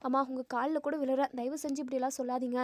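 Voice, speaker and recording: A woman's voice: high voice, level tone, fast, dry recording, lightly acted. A woman reading the lines of a distraught middle-aged mother, pleading and lamenting.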